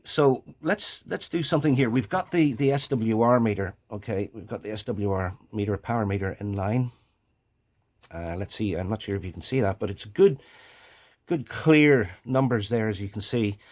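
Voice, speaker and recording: In a casual, hands-on hobby video, a man explains things as he works, often thinking aloud in a halting way. His voice is lowish with a darkish tone.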